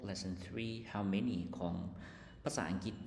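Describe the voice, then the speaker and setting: A man with a Lao accent teaching an English lesson, explaining words slowly and spelling them out letter by letter. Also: on the low side, steady tone, darkish tone, slight background noise. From Laos. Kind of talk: casual lesson walkthrough. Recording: echoey room with long reverb.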